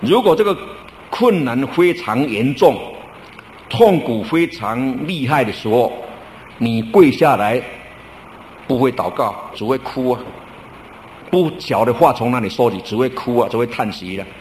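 A middle-aged male pastor preaching a sermon in a relaxed, storytelling way, drawing out his sentence-end particles. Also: medium pitch, unhurried, slight background noise. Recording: roomy church recording with faint ambience.

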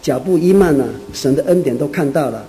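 A man, a church elder, preaching by telling a folksy story with drawn-out, chatty phrasing. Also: fairly high pitch, mellow, rough recording. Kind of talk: sermon storytelling.

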